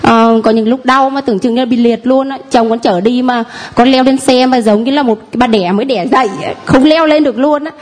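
A woman from the congregation gives a long testimony to the priest. She talks in a somewhat high voice and pauses often, filling the gaps with fillers. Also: fairly even intonation. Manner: hesitant, many fillers. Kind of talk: spoken testimony.

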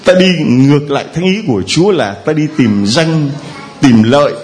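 Lively, playful male priest preaching. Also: fairly high pitch, moderate pace, slight background noise. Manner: playful and humorous, acting out quoted voices. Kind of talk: sermon to a congregation.

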